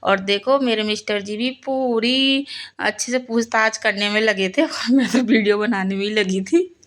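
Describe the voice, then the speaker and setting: A woman's voice: mid-range voice, normal speed. A young woman narrating her vlog in a chatty way, talking straight to her viewers as friends. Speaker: vlogger. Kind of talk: casual vlog voice-over.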